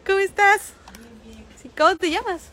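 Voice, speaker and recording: Bubbly high-voiced Mexican woman. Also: moderate pace, fairly bright tone. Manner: bubbly, effusive, chatty with fans. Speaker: makeup streamer. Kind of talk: casual live-stream chat. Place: small table in a corner of a public venue.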